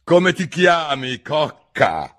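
A man's voice: on the high side, sing-song, extremely slow, fairly bright tone, pitched above the performer's own voice, exaggerated voice. A man voicing an imperious, hot-tempered queen of cards who bellows her orders.

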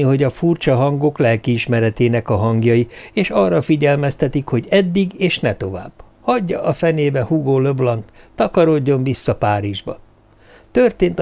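A man narrating a suspense novel in a steady, measured audiobook reading. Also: medium pitch.

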